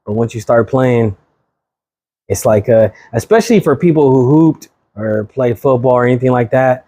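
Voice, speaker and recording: An easygoing man in his thirties from Sacramento talks as a podcast guest, relaxed and slangy with the odd chuckle. His voice sits at a middle pitch and sounds close and dry, with no room around it. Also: normal speed, no room sound. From Sacramento, California. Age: 30s. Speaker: guest, real estate agent. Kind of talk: casual chat.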